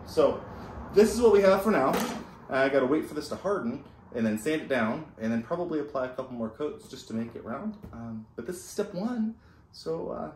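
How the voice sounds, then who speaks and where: A man in his thirties talks through a repair job in a casual, self-deprecating way. His pitch is lively and varied. He is recorded a few feet from the camera in a garage with faint noise. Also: reverberant. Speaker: DIY car restoration host. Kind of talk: casual hands-on tutorial chat. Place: home garage, indoors. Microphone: camera a few feet away. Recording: noisy garage ambience.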